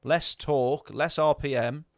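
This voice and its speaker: A man's voice: on the high side, fairly even intonation, unhurried, no echo, clean studio sound. A man talking casually over a racing game stream, rambling and answering viewer chat. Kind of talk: casual gameplay commentary.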